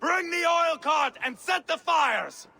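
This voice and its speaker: An actor playing a bloodthirsty Viking war leader in a video game, barking taunts and orders like an angry mob leader with a gravelly voice. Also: male voice, extremely high pitch, lively intonation, slow pace, full character voice. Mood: menacing, commanding. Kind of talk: video game battle acting. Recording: loud battle noise over the voice.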